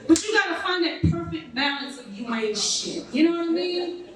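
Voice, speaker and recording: Woman, thirties, stand-up comic, profane and teasing, high-pitched, distant echoey sound. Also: lively intonation, moderate pace, fairly bright tone. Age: 30s. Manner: brash, profane, teasing the crowd. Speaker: stand-up comedian. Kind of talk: stand-up comedy set. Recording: echoey room, mic far off.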